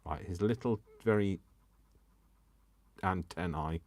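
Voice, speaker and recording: Speaking slowly in a deep voice, an Englishman from Coventry demonstrates crafts on a livestream, chatting and teasing himself as he addresses both himself and his viewers. Years spent in Yorkshire have softened his Coventry English accent. There is no echo.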